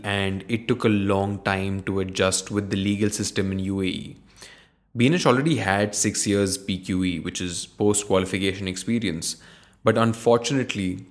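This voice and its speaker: Male podcast narrator, low voice, even scripted reading.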